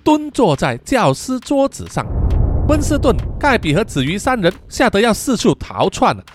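A man from Southeast Asia narrating a horror story in a suspenseful, expressive way, over soft background music. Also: high-pitched, normal speed, background noise.

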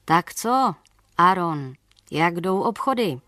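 A woman voicing a mocking village baker, a man who teases loudly. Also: lowish voice, animated, no room sound, studio quality. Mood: teasing. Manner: mocking, teasing.

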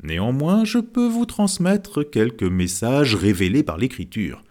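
A man voicing a modest, shrewd literature teacher who reads fortunes from written characters, speaking calmly and explaining. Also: medium pitch, a little slow. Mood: knowing.

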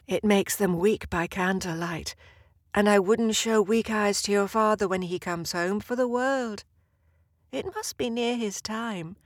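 Man voicing a gentle worried mother, high soft falsetto, quiet, dry close sound. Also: unhurried, no echo. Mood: anxious. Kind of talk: audiobook character voice.

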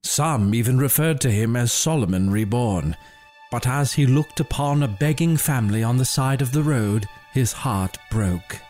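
A man narrating a scripted story in a measured, dramatic storytelling manner. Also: mid-range voice, expressive, a little mellow. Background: faint music.

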